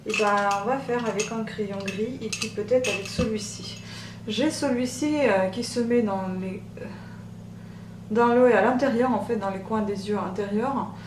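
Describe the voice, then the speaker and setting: Soft-voiced woman chatting through a makeup tutorial. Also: mid-range voice, distant mic. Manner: chatty, hesitant with many pauses. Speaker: beauty vlogger. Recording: roomy echo, off-mic, machine hum. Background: machine hum.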